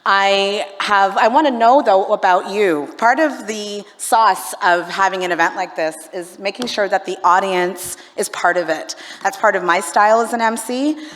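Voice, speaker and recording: Chatty and playful, the Canadian MC of a business event engages the crowd through a handheld stage mic. She speaks at a normal speed with a medium-pitched, slightly bright voice, and the large conference hall adds reverb.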